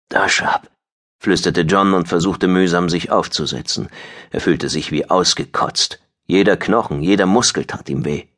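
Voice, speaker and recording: A man narrating a sci-fi audiobook in a steady, measured storytelling voice. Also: deep voice. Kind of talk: scripted narration.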